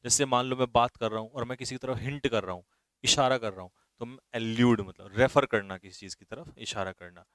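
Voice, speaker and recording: A man's voice: medium pitch, fairly quick, fairly bright tone, clear, resonant tone, no echo. A man teaching English vocabulary for an exam, often checking whether his students have understood. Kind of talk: exam vocabulary lesson in Hindi.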